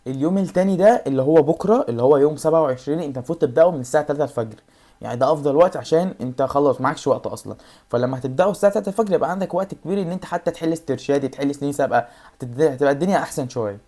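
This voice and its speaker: A woman's voice: sits low, dark tone. A woman with an Egyptian Arabic accent giving study advice in a casual vlog, talking straight to the viewer and reassuring them over and over. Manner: rapid, addresses the viewer directly, repeats reassurances. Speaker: YouTuber giving exam study tips.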